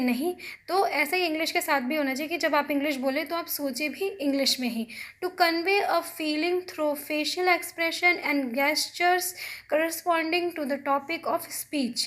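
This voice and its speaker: A young woman, teaching a recorded exam prep lesson. She reads each point slowly and carefully, then explains it at length in a plain, patient teaching voice. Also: sits high, fairly bright tone.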